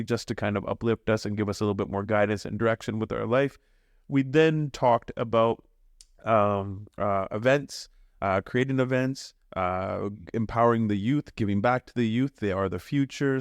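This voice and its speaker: A man's voice: fairly low pitch, dry recording, studio quality. A man co-hosting a podcast, summing up the episode in an upbeat, motivational way. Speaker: podcast co-host. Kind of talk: podcast recap.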